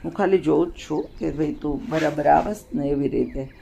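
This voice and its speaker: A woman doing a gentle old man. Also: low voice, moderate pace, creaky, slight background noise. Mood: pleading. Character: kindly old man, slow, trusting.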